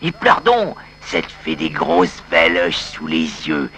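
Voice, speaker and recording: A man's voice: sits low, wildly swooping pitch, sharp tone, a little hiss or hum, pitched below the performer's own voice, full character voice. A man voicing a sadistic fellow who taunts a crying friend in a comic sketch. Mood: gloating. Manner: taunting, relishing, drawn-out. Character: sadistic man gloating over a weeping friend.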